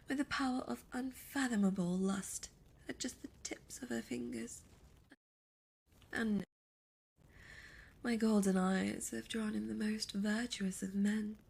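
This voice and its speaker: In an ASMR audio roleplay, a woman plays a succubus demon who is seductive, imperious and gloating, speaking breathily and often dropping into whispers. Her delivery is theatrical and condescending, with an exaggerated, slightly mellow voice at medium pitch.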